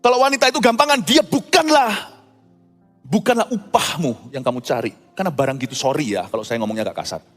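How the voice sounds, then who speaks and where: A man preaching a sermon in a playful way, swinging between loud exclamations and low asides. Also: expressive, quick pace. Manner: playful, mixes in English words. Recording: long hall reverb with faint music behind.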